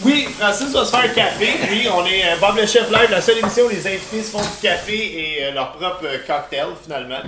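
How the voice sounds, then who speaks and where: A man with a Québécois accent hosting a live cooking show from a kitchen, playful and rambling. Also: high-pitched. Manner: playful, rambling, quick asides. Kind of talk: casual live-stream chat. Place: home kitchen. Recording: echoey kitchen, noisy background.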